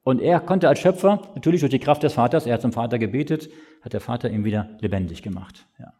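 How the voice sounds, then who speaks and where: Husky-voiced male preacher, question and answer. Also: mid-range voice, dark tone. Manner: explains slowly, asks questions and answers them himself. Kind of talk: sermon.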